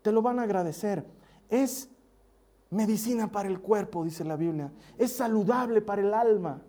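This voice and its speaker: A man, preaching a sermon, who tells family stories and drops to soft, intimate asides. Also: high voice, normal speed.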